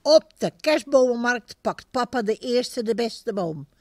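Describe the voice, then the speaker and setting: A woman reading a Christmas picture book aloud to children, expressive and speaking to them directly. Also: a little high, a little slow, a little hiss or hum. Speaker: storyteller.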